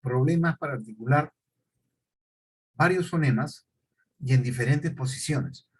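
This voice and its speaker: A man teaching a class, explaining slowly and deliberately and checking often that his students follow. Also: mid-range voice, slight background noise, rough recording. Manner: questioning, repetitive explanations with check-ins. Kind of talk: classroom lecture.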